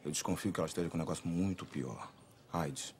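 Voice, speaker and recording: A man playing a deep-voiced, earnest health worker. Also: quick pace, lightly acted. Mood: concerned. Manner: calm, serious, concerned. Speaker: health agent in a film. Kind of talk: film drama acting.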